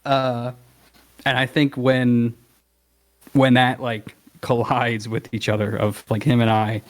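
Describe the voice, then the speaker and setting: A man's voice: medium pitch, little pitch movement, slow. A man who is a guest musician, chatting casually and laid-back, laughing often and hedging his words. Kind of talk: casual interview chat.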